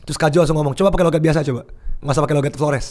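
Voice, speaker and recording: Telling an animated story as a casual podcast guest, this young man from Indonesia drops English phrases into his talk. He speaks very fast, in a voice that's a little high.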